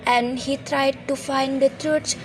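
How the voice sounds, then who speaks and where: A young woman with an Indonesian accent narrating a school drama in a steady, plain reading voice. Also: high-pitched, slow pace, music in the background, poor audio. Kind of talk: read-aloud story narration.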